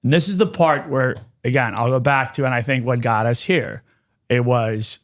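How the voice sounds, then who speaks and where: A man co-hosting a podcast, telling animated business stories with quick restarts. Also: mid-range voice. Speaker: podcast co-host. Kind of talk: casual podcast chat, storytelling.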